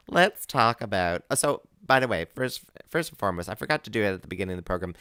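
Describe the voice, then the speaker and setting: A man hosting a live community radio show, his voice low and clear with a lot of up-and-down movement. He talks casually and rambles through fillers, laughing easily. The sound is dry and close on a studio mic. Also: a bit bright, dry recording.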